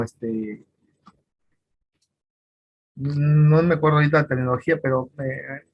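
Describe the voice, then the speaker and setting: A man's voice: on the high side, a little hiss or hum. A man with a Peruvian Spanish accent lecturing on forensic psychology in an online class, rambling with many fillers and restarts.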